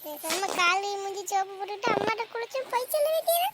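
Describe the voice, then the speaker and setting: A woman's voice: extremely high pitch, big pitch swings, quick pace, background noise. A woman voicing a sulky teenage college girl in a cartoon who whines and pleads for a day off. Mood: whiny.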